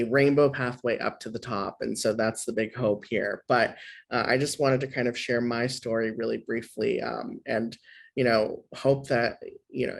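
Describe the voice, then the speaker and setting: A man's voice: mid-range voice, gravelly. A man running for local office, talking casually on an online panel with many fillers and restarts over a video call. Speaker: municipal election candidate.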